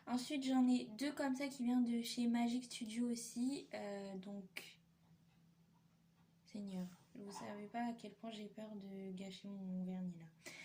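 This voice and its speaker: A woman's voice: a little high, vocal fry, darkish tone, a little hiss or hum. A young woman chatting casually in a makeup vlog, tired and hesitant, with many fillers. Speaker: beauty vlogger.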